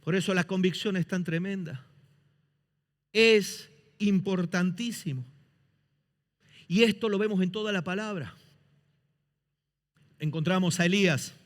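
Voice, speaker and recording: A man's voice: high voice, measured pace, pauses often. A man preaching a sermon as pastor, impassioned, mimicking excuses and quoting scripture. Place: church sanctuary. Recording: reverberant church hall.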